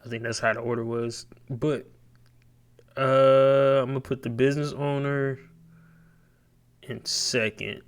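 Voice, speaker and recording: A relaxed man reacting to a video and talking straight to his viewers. His voice comes through smooth and clear on a close mic, easygoing and chatty. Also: medium pitch, unhurried, long pauses. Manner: laid-back, chatty, with filler words. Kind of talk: casual reaction commentary.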